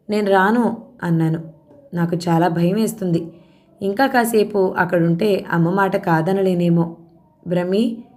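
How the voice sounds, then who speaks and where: A woman's voice: medium pitch, a little mellow. A woman narrating a novel aloud, shifting her tone for the quoted dialogue of each character. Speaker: audiobook narrator. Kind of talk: reading a novel aloud, voicing all characters.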